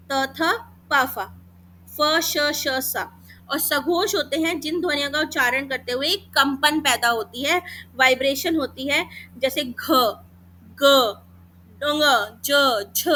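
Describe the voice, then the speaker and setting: A woman with a high, sharp voice teaches a Hindi grammar lesson for exam preparation, with slight background noise. She calls students beta, mixes in English terms, and sounds out letters slowly.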